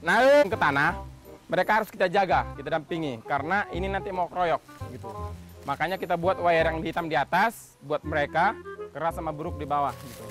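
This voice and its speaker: Man, high voice, park guide, casual explaining, outdoors in a forest. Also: brisk, over music. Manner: explains casually, then shouts loud calls to the apes. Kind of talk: outdoor explaining and animal calling.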